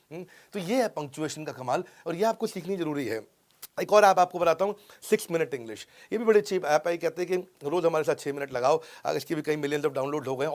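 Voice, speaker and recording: A middle-aged man giving an energetic lesson on English, asking rhetorical questions and checking in with his listeners. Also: a little high. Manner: emphatic, rhetorical questions, frequent "haan?" checks. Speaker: motivational speaker teaching English skills. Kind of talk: energetic Hindi lecture mixing English.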